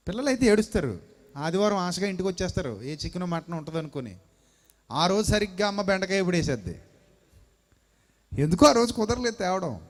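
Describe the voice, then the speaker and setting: A male preacher delivering a sermon, telling stories and acting out the voices of quarrelling people. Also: high voice. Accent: Telugu. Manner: storytelling, acts out quarrelling people.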